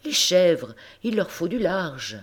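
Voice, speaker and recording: A woman reading aloud, voicing a young female goat who pleads in a high, bright voice to be set free. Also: very animated, takes it slowly, slightly rough, full character voice. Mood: yearning. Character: young female goat, restless, longing for freedom.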